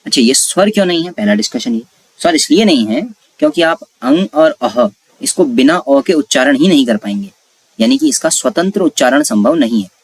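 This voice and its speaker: A man's voice: a little high, very animated, brisk, breathy edge, dry recording. A man teaching a Hindi grammar lesson for exam preparation, explaining step by step and asking and answering his own questions. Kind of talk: exam-prep classroom lesson.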